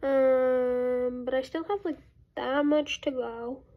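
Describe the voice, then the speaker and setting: A woman vlogging casually as a beauty vlogger, congested with a cold and breathing through her mouth, talking in a halting, self-interrupting way. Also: high-pitched, steady tone, phone-quality sound. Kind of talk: casual chat to camera.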